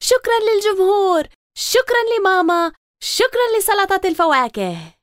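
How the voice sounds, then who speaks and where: A woman voicing a lively, excitable little girl who talks eagerly in exclamations. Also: very high-pitched, moderate pace, dry recording, studio quality, pitched above the performer's own voice. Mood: playful.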